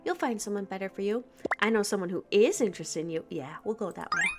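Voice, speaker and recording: A woman's voice: medium pitch, quick pace, loud music behind the voice, pitched below the performer's own voice, close to an everyday voice. A woman voicing a confident, teasing female boss who comforts and flirts. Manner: teasing, self-assured.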